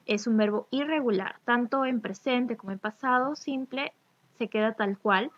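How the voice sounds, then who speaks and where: Patient teacher, slow careful examples. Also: female voice, fairly high pitch, fairly bright tone. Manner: reads English examples slowly and carefully, then explains in Spanish; checks often with "¿ok?" and "¿ya?". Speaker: English teacher; addresses students as chicos. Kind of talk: recorded remote lesson explaining grammar. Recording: dry, slightly dull recording.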